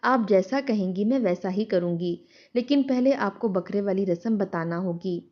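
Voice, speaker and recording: Protesting young village girl read by a woman, slightly higher, dull storybook recording. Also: lightly acted.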